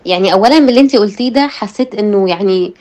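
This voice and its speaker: A woman's voice: mid-range voice, racing, a little mellow. A woman with an Egyptian Arabic accent, a guest giving her firm opinions in conversation.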